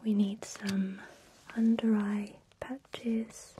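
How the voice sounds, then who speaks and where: A woman speaking in a soft, breathy whisper, giving a calm ASMR tutorial as a spa technician. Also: medium pitch, extremely slow, slight background noise, rough recording.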